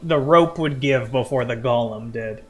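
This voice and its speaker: A man narrating a tabletop game as game master, unhurried and full of fillers, with music in the background. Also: medium pitch. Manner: unhurried, hesitant with many fillers.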